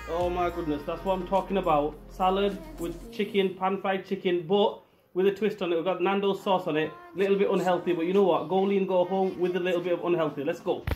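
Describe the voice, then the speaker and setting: Chatty man vlogging to camera. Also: sits high. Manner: chatty, excitable, says "right?" and "let's go" often. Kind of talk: casual vlog to camera. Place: car, outdoors in town and by a river, shop. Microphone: phone or action camera held at arm's length.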